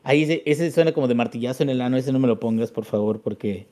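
A man's voice: medium pitch, quick pace. A man around forty with a Mexican Spanish accent, co-hosting a podcast with crude jokes. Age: 40s. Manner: crude joking. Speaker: podcast co-host. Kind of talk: casual banter.

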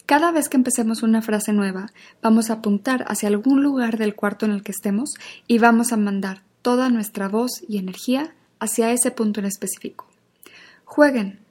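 A woman, an acting teacher leading a guided vocal warm-up, patiently drilling exaggerated syllables. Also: on the high side.

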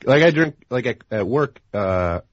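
A man with an American accent and a deep, bassy radio voice, chatting casually and quietly on a podcast. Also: expressive, unhurried, no echo, lo-fi sound. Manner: laid-back, low-volume talking. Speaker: podcast guest, baseball writer.

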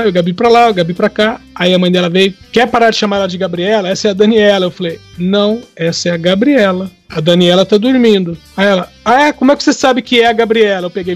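High-voiced man telling family stories. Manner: animated storyteller acting out quoted voices. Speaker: father of twin daughters. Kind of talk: casual anecdote telling.

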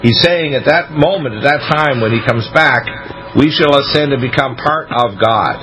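A man's voice: medium pitch, normal speed, a bit bright. An American man hosting religious talk radio, talking at length and emphatically, stretching out key words as he preaches. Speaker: radio talk show host, doctor. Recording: radio broadcast with faint noise.

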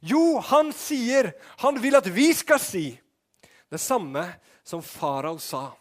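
Male preacher with a high voice, fervent sermon delivery, swings from shouting to hushed. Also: sing-song.

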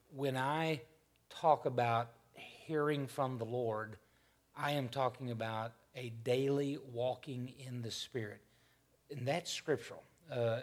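Fifties guy hosting a church panel chat, folksy, rambles and restarts a lot, middle pitch. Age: 50s. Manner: rambling, self-correcting, folksy. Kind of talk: casual church discussion.

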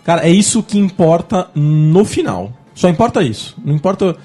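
A man's voice: sits high, very animated, normal speed, dark tone, slightly rough, faint music behind. A man with a Brazilian Portuguese accent in a casual podcast discussion, explaining in slangy, emphatic style and acting out dialogue.

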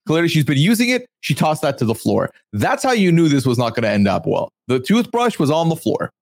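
A male podcast host talks through a recap in a loose, rambling way, often breaking into chuckles. His voice moves around a lot in pitch and sits a bit above the usual for men. The recording is close and dry. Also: very animated, a little fast, gravelly, dry recording. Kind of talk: casual recap chat.

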